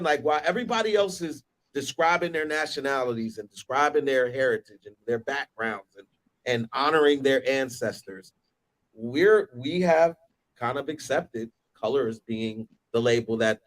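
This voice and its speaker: A man co-hosting a casual panel talk, animated and rambling, with lots of restarts. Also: mid-range voice, normal speed, low-quality recording. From United States. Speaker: podcast co-host.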